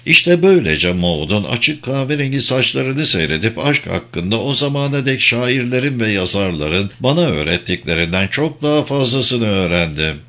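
A man reads a novel aloud as an audiobook, his medium-pitched voice measured and expressive in a storyteller's way.

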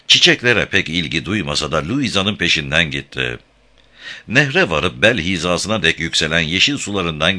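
A man narrates a novel in a measured audiobook delivery. His voice is low yet strikingly bright and crisp. His pitch rises and falls in a lively way through the story. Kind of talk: scripted narration.

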